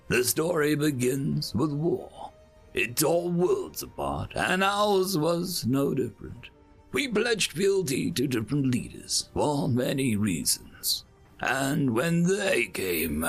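A man voicing an aged alien elder who tells a legend in a slow, solemn, hushed way. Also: fairly high pitch, creaky, slightly rough, pitched above the performer's own voice, exaggerated voice. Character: old alien elder telling a sacred legend.

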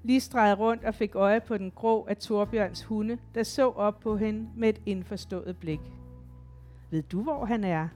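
A woman narrating a literary novel as an audiobook, in an even, measured manner. Her voice sits at a middle pitch. Faint music plays in the background.

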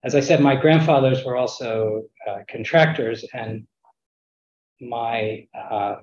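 A man giving reflective interview answers in a measured way, pausing mid-thought. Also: mid-range voice, a little mellow. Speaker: interview guest, architect. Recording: roomy, dull lo-fi internet call.

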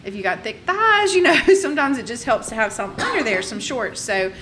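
A woman co-hosting a podcast, chatting casually with quick joking asides. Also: on the high side, very animated, bright, forceful tone, slight background noise. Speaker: podcast co-host. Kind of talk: casual chat.

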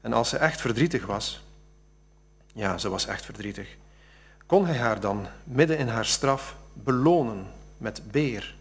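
A man, an author, reading a passage from his novel aloud after explaining it with halting speech. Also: mid-range voice, lively intonation, husky. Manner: halting, with many fillers when talking freely.

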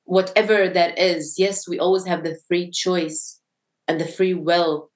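A woman's voice: fairly low pitch, steady tone, unhurried. A young woman from Syria, a podcast guest, talking reflectively and searching for words with frequent restarts. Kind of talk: casual conversation.

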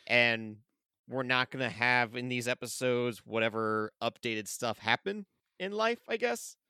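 Bright-voiced guy co-hosting a podcast, open and rambly, clean dry sound. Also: medium pitch, measured pace, clean tone, no echo. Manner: candid, laughs easily, rambling. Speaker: podcast co-host. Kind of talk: casual podcast chat.

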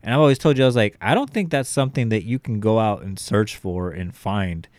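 A man's voice: lowish voice, a little fast, a little mellow, dry recording, studio quality. A young adult man, a podcast co-host, telling a rambling, profane story in casual chat, full of fillers like "you know" and "like".

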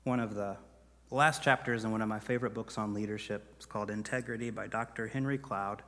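A man preaching a sermon as pastor, earnest, building to emphatic peaks and then dropping quiet. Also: fairly low pitch, steady tone, brisk, in a large hall.

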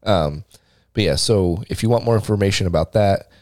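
A man's voice: low-pitched, normal speed, darkish tone, no echo, clean studio sound. A man in his thirties co-hosting a casual podcast, with a nasal voice, joking crudely and laughing. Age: 30s. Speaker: podcast co-host. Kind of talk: casual explicit chat.

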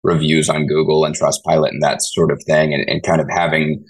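A man speaking as a business owner in an interview, measured and thoughtful, with some hesitant fillers. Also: extremely low pitch, level tone. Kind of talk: casual conversational interview.

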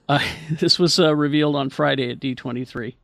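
A man hosts a casual panel chat in a somewhat high voice with noticeable fry. He speaks haltingly, and the sound is close and dry. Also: no room sound. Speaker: podcast host.

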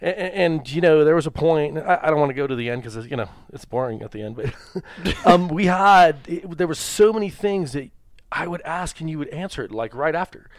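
A man co-hosting a casual podcast chat, excitable, laughing often and restarting his sentences. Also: on the high side, fairly quick, no echo. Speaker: podcast co-host.

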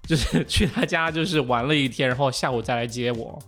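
A man co-hosting a casual podcast chat, telling a childhood story in animated, halting fashion with many restarts. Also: mid-range voice, faint music behind. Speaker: podcast co-host.

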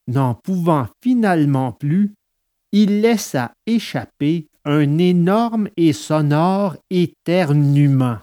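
A man narrating a storybook in an animated, expressive way. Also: a little high. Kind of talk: storybook reading.

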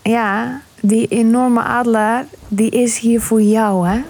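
A woman guiding a visualization meditation, speaking softly and soothingly and often slipping into a whisper. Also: on the high side, steady tone, slow, no room sound. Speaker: meditation guide.

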